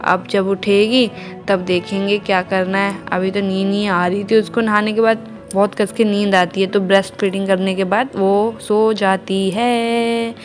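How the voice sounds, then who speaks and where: A woman's voice: mid-range voice, level tone, a little slow, faint music behind. A young woman from India, narrating her day at home casually to viewers while minding her baby. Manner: chatty, homely, talks to viewers and baby. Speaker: vlogger mother. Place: home indoors.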